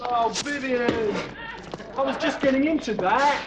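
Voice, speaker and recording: A man's voice: extremely high pitch, a little slow, very noisy. An actor playing a gloomy, self-pitying young male hippie student, droning and apologetic, heard from a worn VHS tape copy of a TV sitcom. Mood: mopey. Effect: worn VHS tape copy of a TV broadcast. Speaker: sitcom character. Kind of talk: 1980s TV sitcom acting.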